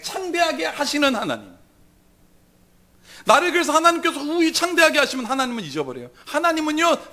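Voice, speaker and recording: High-voiced, emphatic male pastor preaching. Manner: emphatic, swings between loud and hushed. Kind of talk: sermon.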